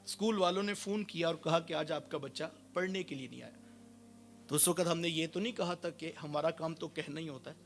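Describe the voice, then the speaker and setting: Man, high voice, sermon, storytelling, loud-soft swings. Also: a little hiss or hum. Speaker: Islamic preacher.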